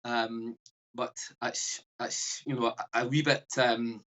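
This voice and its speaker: A man's voice: mid-range voice, steady tone, slow, background noise, lightly acted. A man from the UK putting on a Scottish accent, trailing off self-consciously. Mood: sheepish.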